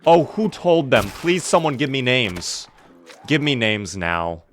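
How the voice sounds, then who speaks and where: A man's voice: mid-range voice, big pitch swings, slow, slight background noise. A man doing casual live commentary while playing a survival video game, chatting to viewers in a wry, mock-dramatic way.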